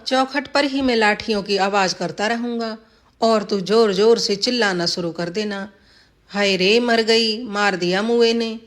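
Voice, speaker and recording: A woman's voice: mid-range voice, a bit bright. A woman narrating a village folk tale in a plain storybook reading, lightly voicing the villagers' lines.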